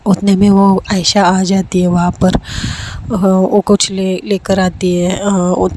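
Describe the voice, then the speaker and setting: A woman storyteller narrating in a relaxed, chatty way, pausing on fillers. Her voice is mellow and flat in pitch, with a faint hiss behind it. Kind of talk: casual spoken story narration.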